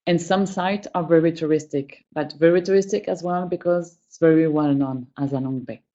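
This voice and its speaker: A low-pitched woman with a steady, mellow tone leads a webinar for a travel company. Speaking English as a non-native, she often halts to search for words, and the audio comes across as dull.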